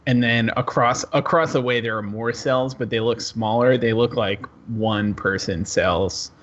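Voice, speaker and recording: A man's voice: mid-range voice, fairly even intonation, normal speed, a bit bright, lo-fi sound. A man running a tabletop game as game master, describing scenes in a loose, easygoing way.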